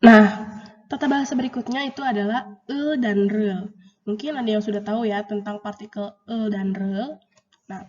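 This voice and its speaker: Woman teacher in a dull, echoey recording. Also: darkish tone. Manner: slow, drawn-out repetition of example words, rising pitch on questions. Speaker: Korean language teacher. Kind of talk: grammar lesson explaining example sentences. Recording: dull, roomy lo-fi recording with long reverb.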